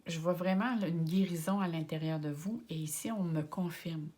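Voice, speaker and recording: A woman with a Québécois accent giving a tarot card reading, speaking gently and often half in a whisper, affectionate and encouraging with her viewers. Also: on the low side, moderate pace. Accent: Québécois French. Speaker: tarot and oracle card reader.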